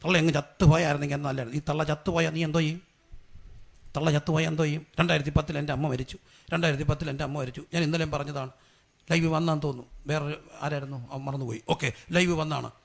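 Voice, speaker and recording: Malayali pastor, rapid-fire gravelly sermon delivery, fervent. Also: male voice, on the high side, fairly even intonation. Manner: rises from quiet storytelling to loud fervent exhortation.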